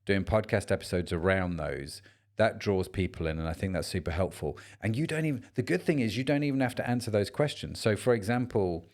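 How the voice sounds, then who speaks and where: Man, very deep voice, podcast co-host, loose rambling chat, joking. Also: fairly quick, a little mellow.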